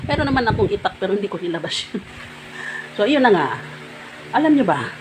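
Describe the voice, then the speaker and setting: A woman's voice: medium pitch, big pitch swings, brisk. Chatty woman telling a story over noise. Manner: chatty, addresses viewers as guys, many fillers like ano. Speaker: vlogger telling a personal story. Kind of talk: casual storytelling to viewers. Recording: noisy background.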